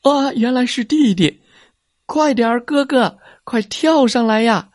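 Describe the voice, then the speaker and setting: A man voicing a small, eager young male anteater, the little brother, in a high pleading voice. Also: animated, slow pace, darkish tone, no room sound, studio quality, full character voice. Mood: urgent.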